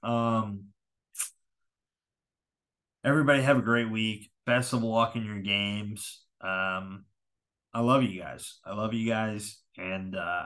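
A fantasy football podcast host chats casually on a solo podcast, rambling, profane and frank. His voice is lowish with a fairly bright tone.

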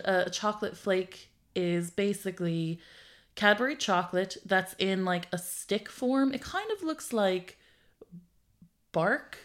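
A woman co-hosting a podcast, chatting casually, playful and quick to giggle. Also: medium pitch. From Ireland. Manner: playful, giggly, drifts into silly bits. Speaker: podcast co-host. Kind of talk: casual comedic chat.

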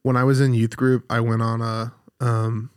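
A man hosting a casual podcast chat, telling stories in an easygoing, lively way. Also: mid-range voice, normal speed, smooth, dry recording, clean studio sound. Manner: storytelling, animated when recounting. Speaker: podcast host.

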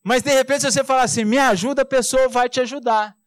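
A Brazilian man preaching a sermon as a pastor, in a conversational style full of rhetorical tag questions, slowing down and dropping low on key words. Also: fairly even intonation, clear, resonant tone, dry recording. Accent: Brazilian Portuguese. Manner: slows and drops low on key words, then rises fast.

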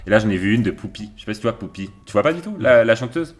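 Low-voiced man in casual chat. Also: lively intonation. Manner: casual, upbeat, drawn-out with fillers. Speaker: podcast co-host.

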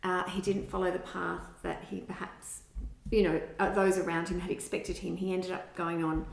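A woman's voice: on the low side, flat delivery, moderate pace, gravelly. Chatty woman podcast co-host, echoey room. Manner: chatty, reads from notes, reviews children's books. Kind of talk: casual chat.

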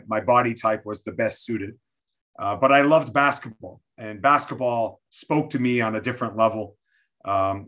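A man's voice: on the low side, a bit bright. A man in his forties from Quebec City, presenting an online coaching workshop over a video call, with many fillers and restarts. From Quebec City, Canada.

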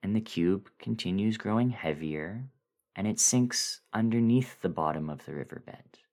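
A deep-voiced man gives a dramatic reading of a horror story, deliberate and brooding. He moves slowly, his pitch swinging widely as the emphasis swells, and he sounds animated and a little mellow.

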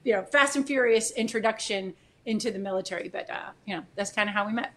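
A woman from Florida, a military spouse, telling her personal story as an interview guest in an animated, emotional way with many fillers. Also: medium pitch, quick pace, slight background noise.

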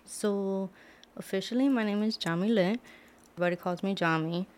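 A woman's voice: mid-range voice, a little fast, darkish tone. A young adult woman from Brooklyn, a podcast guest talking casually with many "like" fillers. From Brooklyn, New York. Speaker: guest, author and medical assistant. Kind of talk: casual interview. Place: podcast studio.

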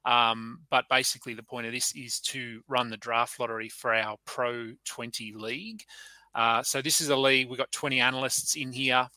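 A man hosts a casual podcast in a sharp, forceful voice. He is chatty and loose, with lots of "uh"s and restarts. The recording is dry and close-miked. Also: mid-range voice, steady tone, normal speed, no echo, poor audio. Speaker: podcast host.

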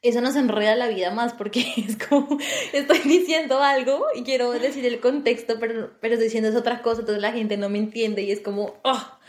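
A woman co-hosting a podcast, telling anecdotes in an animated way, laughing and acting out sounds. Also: fairly high pitch, a little fast, reverberant. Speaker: podcast co-host. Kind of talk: casual chat.

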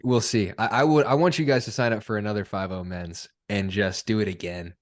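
A man's voice: lowish voice, steady tone, fairly quick. A young man hosting a casual podcast chat, laid-back and chatty, laughing often. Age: young adult. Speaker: podcast host.

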